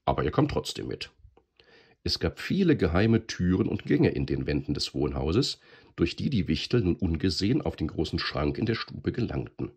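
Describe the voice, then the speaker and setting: A deep-voiced man reading a storybook aloud, lively and expressive, with a husky grain. His pitch moves widely as he reads. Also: moderate pace.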